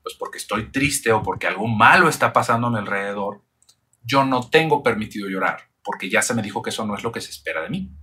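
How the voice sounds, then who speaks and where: Husky-voiced man explaining. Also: mid-range voice, sharp tone. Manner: thoughtful, frequent rhetorical questions. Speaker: psychology channel host. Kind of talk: reflective explanatory monologue.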